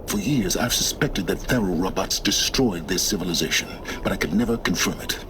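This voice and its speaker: A deep-voiced man, lightly acted, performs a cold, aloof scholarly mentor for a game cutscene. He sounds condescending and clipped, slow and deliberate, and background noise is clearly audible in the game audio.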